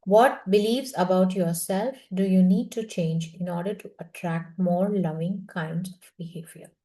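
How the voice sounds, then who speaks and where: A woman, slowly reading a self-help book aloud and guiding a listening group through an affirmation in a soft, measured voice. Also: fairly low pitch, fairly even intonation. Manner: slow, soft and measured, with quiet half-whispered phrases. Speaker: book reading session leader.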